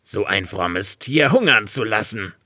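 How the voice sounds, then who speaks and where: Angry old tailor yelling at his sons, low voice, slow, read by a guy. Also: lively intonation, no room sound, studio quality, heavily acted. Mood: enraged. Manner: scolding, indignant. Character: hot-tempered old tailor, quick to rage.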